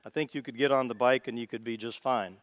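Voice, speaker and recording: A Midwestern-accented preacher moves at a quick pace in a steady, mid-range voice, recorded with no room sound. He keeps his sermon folksy and conversational, thinking aloud and occasionally restarting.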